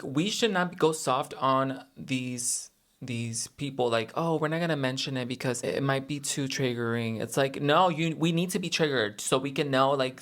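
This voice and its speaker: A man's voice: mid-range voice, fairly bright tone. Man giving casual, emphatic reaction commentary. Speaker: host of a reaction segment.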